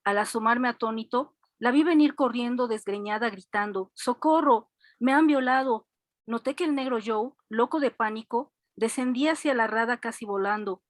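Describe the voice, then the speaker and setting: A woman student reads a story aloud in a fairly high voice. She gives the lines life as she goes. The sound is dry and close. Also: moderate pace, hardly any pauses, dry recording.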